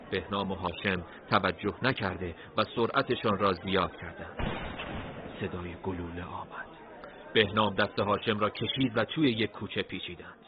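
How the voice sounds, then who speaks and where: A man narrating a dramatic story in an expressive, animated reading, on a dull lo-fi recording. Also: low voice.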